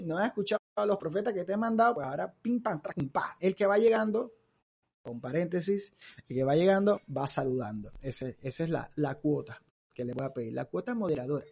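A man's voice: on the high side, creaky, darkish tone, slightly rough. A man giving an informal sermon in a conversational way, stumbling and repeating words as he goes. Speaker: preacher.

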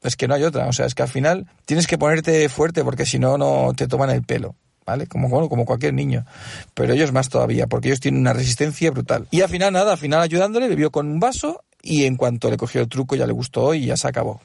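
Man, parent testimonial, patient explaining, raspy, dry close sound. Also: mid-range voice, fast talker, darkish tone, no echo. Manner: explains patiently with many fillers and asides. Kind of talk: casual testimonial.

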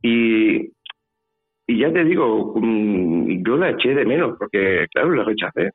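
A man's voice: fairly low pitch, big pitch swings, unhurried, slightly rough. A man from Spain with a Spanish accent, telling a personal story as a guest in a phone interview, hesitant and repeating his words. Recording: tinny phone line with faint music.

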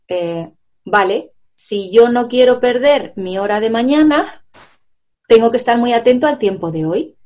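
A woman with a somewhat high voice speaks as an interview guest. She explains earnestly, works through concrete examples and checks in with short tag questions. She is a mother sharing parenting advice. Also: a little mellow. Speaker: mother of two children.

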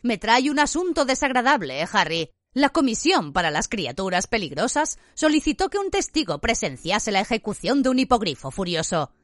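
A woman's voice: a little high, big pitch swings, moderate pace, dry recording, studio quality. A woman voicing a pompous, middle-aged male government minister who talks in a bluff, sighing, falsely cheerful way.

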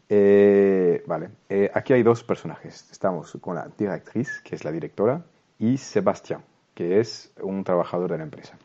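A man's voice: low-pitched, mellow, muffled recording. A man teaching a podcast language lesson, explaining step by step with patient repetition. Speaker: French teacher.

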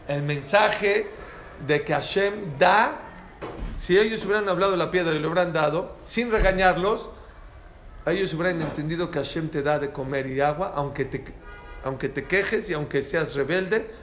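Animated man teaching. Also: on the high side, moderate pace. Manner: animated, rhetorical questions, repeats for emphasis. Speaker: Torah teacher. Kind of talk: lively spoken Torah class. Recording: roomy echo, faint background noise.

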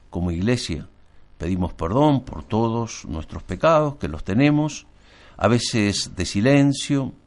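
Low-voiced priest leading prayer. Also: male voice. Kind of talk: homily and liturgical prayer.

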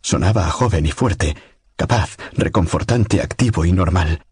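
Male audiobook narrator, very husky and breathy, dry close recording, measured pace. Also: sits low, a little mellow, no echo. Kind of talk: scripted narration.

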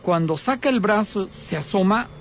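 A man with a noticeably high voice hosts a call-in radio show. He tells an eerie story as a drama, repeats the key points and talks straight to his listeners. The audio is dull and lo-fi, with a faint hiss of noise underneath. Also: lively intonation, normal speed, creaky. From Aguascalientes, Mexico. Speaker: radio host taking calls. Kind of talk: telling a paranormal story on radio.

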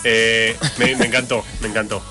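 A man's voice: mid-range voice, flat delivery, music in the background. A man with an Argentine accent, the show's cartoonist, chatting casually and repeating words as he tells his story. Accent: Argentine Spanish. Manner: halting, repeats words while telling a story. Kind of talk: casual podcast chat. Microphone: studio mic, on camera.

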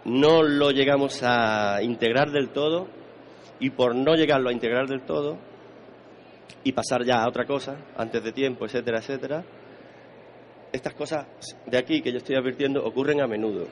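A man with a Spain Spanish accent lectures an audience on the Eastern arts. He talks in an easy, conversational way, repeats his words and often asks whether people are following. His voice sits at an ordinary middle pitch, with faint noise in the background. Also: moderate pace.

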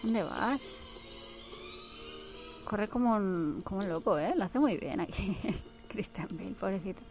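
Brief: woman doing casual, exclamatory commentary over a film, with the soundtrack music clear behind her. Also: medium pitch, animated, measured pace, a little mellow. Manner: chatty, exclaiming, playful asides.

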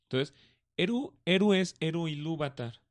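Young Mexican man, co-host, relaxed slangy storyteller. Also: on the high side, moderate pace, no echo. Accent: Mexican Spanish. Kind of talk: casual podcast chat.

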